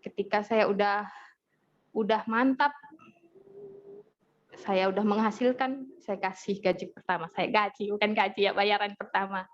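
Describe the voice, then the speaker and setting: A woman's voice: mid-range voice, steady tone, moderate pace, pauses often. A woman, a hypnotherapist telling family stories in a parenting talk, acting out dialogue. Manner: chatty, storytelling, acts out family dialogue. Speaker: hypnotherapist speaker. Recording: dull lo-fi audio with faint noise.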